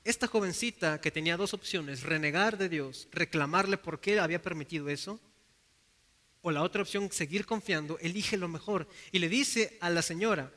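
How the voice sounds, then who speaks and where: High, bright-voiced Mexican preacher. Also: male voice, moderate pace. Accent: Mexican Spanish. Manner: earnest, addresses listeners as brothers and sisters; frequent restarts and repeated words. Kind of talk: sermon.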